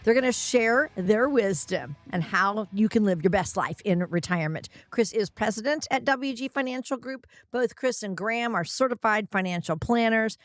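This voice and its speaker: A woman's voice: medium pitch, expressive, moderate pace, hardly any pauses, no room sound, clean studio sound. A woman hosting a radio talk show, upbeat and chatty as she reads out contact details and prompts her guests. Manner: upbeat, chatty, laughs often.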